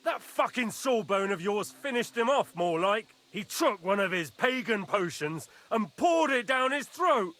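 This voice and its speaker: A man's voice: a little high, lively intonation, unhurried, exaggerated voice. A furious sneering nobleman. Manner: shouting, insulting, accusing. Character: arrogant angry nobleman knight, middle-aged.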